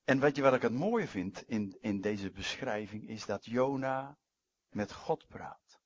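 A husky-voiced male preacher delivering a sermon, leaning hard on some words and dropping to near-whispers on others. The recording is dull and lo-fi with a dry, close sound. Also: mid-range voice, expressive, measured pace, no room sound. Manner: emphatic, swinging between loud stresses and quiet asides.

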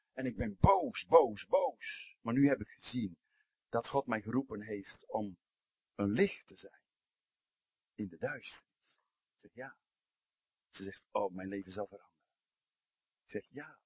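A man delivers a sermon with a husky, slightly breathy voice. He tells stories, sinks into quiet passages and climbs into forceful emphasis. The recording is dry and muffled, with a dull lo-fi sound. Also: lowish voice, no room sound. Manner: storytelling, swings from hushed to emphatic. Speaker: preacher.

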